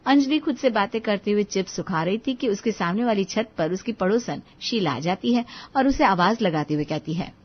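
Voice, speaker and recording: A woman giving scripted narration for a cartoon story, in an even storytelling manner. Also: medium pitch, fairly quick, highs cut off.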